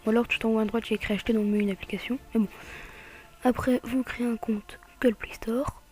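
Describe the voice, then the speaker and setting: A woman with a French accent talks viewers through a tablet tutorial in a casual, hesitant way, often dropping to a half-whisper and filling pauses with "euh". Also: on the high side, steady tone, a little mellow, soft background music. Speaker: tutorial maker. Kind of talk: casual screen tutorial voice-over.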